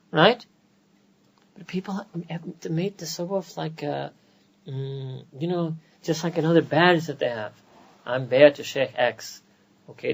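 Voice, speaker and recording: Man, American accent, religious lecture, chatty with joking asides, fairly high voice. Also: creaky, a bit bright, breathy edge, rough recording. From United States. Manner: conversational, with quick joking asides. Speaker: Islamic scholar giving a lecture.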